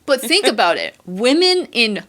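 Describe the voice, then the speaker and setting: A woman's voice: a little high, sing-song, normal speed, a bit bright. A young woman hosting a casual interview chat, with a playful, mock-formal, dryly joking way of talking. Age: young adult. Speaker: host.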